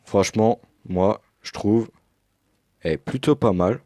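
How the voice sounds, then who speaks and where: A man's voice: on the low side, measured pace, darkish tone, no room sound, clean studio sound. A young man casually commenting as he unboxes a game edition, hesitant with many fillers, recorded on a headset mic. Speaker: unboxing youtuber.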